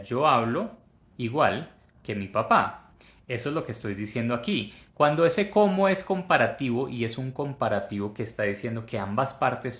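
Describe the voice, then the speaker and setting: A man from Colombia teaching English in Spanish, slowly modeling English phrases and repeating them for learners. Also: medium pitch, fairly bright tone, echoey room. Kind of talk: Spanish-language English lesson.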